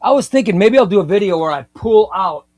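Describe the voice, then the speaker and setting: A man's voice: high-pitched, expressive, fast, darkish tone, dry recording, clean studio sound. A man in his fifties hosting a comic book livestream, chatting casually and with enthusiasm, often repeating himself. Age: 50s. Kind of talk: casual livestream chat reading viewer comments.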